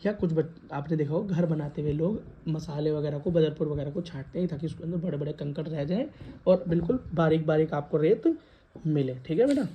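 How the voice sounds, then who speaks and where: Male lecturer, Western Uttar Pradesh Hindi accent, brisk classroom delivery with questions to pupils, muffled lo-fi sound. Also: a little high, slight background noise. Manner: addresses students as beta, asks and repeats questions. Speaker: teacher.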